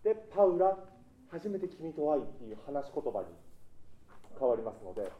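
The recording is roomy and muffled with a little hiss or hum, capturing a very animated man with a highish voice at a moderate pace. Leading a choir rehearsal, he encourages the singers and sings short phrases to model the sound he wants.

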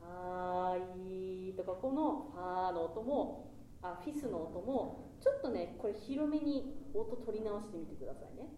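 A woman's voice: medium pitch, lively intonation, moderate pace, warm tone, far from the mic, a little hiss or hum. Female choir conductor, encouraging and polite, demonstrates by singing; roomy hall, off-mic. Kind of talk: choir rehearsal coaching.

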